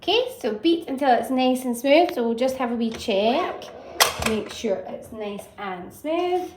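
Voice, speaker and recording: Hosting a baking demonstration for kids, this woman speaks at a measured pace in a high-pitched, animated voice, offering easy, encouraging steps. It's recorded from a distance in an echoey home kitchen, noisy with clattering utensils.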